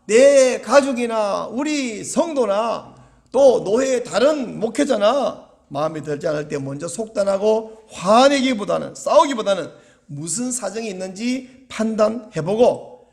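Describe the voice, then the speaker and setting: Middle-aged male pastor delivering a sermon, high voice with big lively swings in pitch, acts out the lines he quotes. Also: measured pace, creaky. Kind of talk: Sunday sermon.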